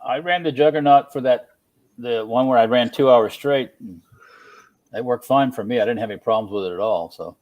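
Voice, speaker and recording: A man's voice: mid-range voice, a little fast, no echo, highs cut off. A man in casual live stream chat, joking and laughing often. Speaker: panel guest.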